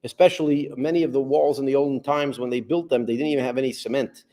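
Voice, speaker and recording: A man's voice: mid-range voice, steady tone, fast, mellow. A man who is a rabbi giving a rambling Talmud lesson, often asking and then answering his own questions. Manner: repetitive, rambling, asks rhetorical questions. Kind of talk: explanatory lecture.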